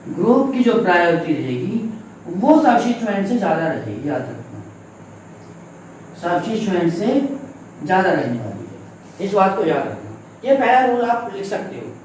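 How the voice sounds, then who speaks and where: A man's voice: sits high, darkish tone. A male teacher giving a lesson in a conversational way, asking and answering his own questions and repeating the key points. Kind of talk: recorded classroom lesson. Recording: very echoey room, mic at a distance, faint noise.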